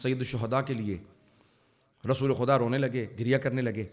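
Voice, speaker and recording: A male cleric giving an emotional sermon at a religious center, telling stories fervently and swelling to loud emphasis. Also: medium pitch, steady tone. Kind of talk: emotional Urdu majlis sermon.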